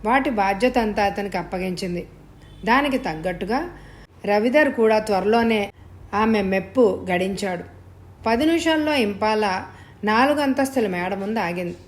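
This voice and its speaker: A woman narrating a suspense story in a measured, steady reading voice. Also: mid-range voice. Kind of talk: scripted narration.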